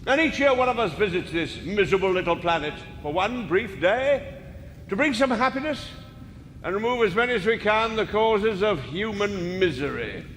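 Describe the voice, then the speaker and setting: A commanding, jovial, mocking Christmas spirit in a radio drama. The voice rings with long reverb over faint noise. It is high for a man, grand and declamatory. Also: expressive, moderate pace, a bit bright. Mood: mocking, stern. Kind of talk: musical radio drama acting.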